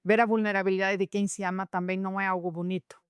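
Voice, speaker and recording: A woman's voice: mid-range voice, little pitch movement, quick pace, smooth, no room sound. A woman teaching about personality types in a podcast conversation, explaining patiently and illustrating points with real cases. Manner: explanatory, tells cases with acted quotes. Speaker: Enneagram teacher.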